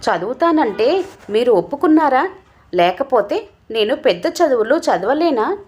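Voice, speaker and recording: A woman's voice: high voice, sing-song, a little slow, darkish tone, husky, voice pushed up, full character voice. A woman voicing a timid, hurt young wife who pleads hesitantly.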